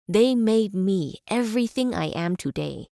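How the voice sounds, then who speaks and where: Measured, visionary chancellor-scientist, dry studio sound. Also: female voice, mid-range voice, animated, creaky, warm tone, no room sound. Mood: reflective pride. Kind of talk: formal speeches and quotations in a strategy game.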